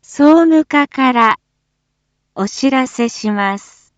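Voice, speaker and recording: A woman making a formal municipal disaster-radio announcement in the style of an outdoor loudspeaker, phrase by phrase with long pauses. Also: sits high, expressive, dry recording, highs cut off. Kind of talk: formal public-address announcement.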